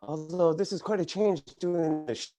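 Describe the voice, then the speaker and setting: A man's voice: a little high, fairly even intonation, moderate pace, mellow. A man from Connecticut hosting a late-night stream, talking casually and animatedly, often laughing between lines. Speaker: late-night show host. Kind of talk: casual monologue. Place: home studio, live stream.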